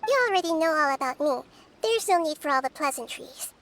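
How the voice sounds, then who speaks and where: A high-voiced, childlike wise little goddess. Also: female voice, animated, a little fast, a bit bright. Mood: calm, probing. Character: wise, perceptive young female dendro god in child form. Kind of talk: video game voice acting.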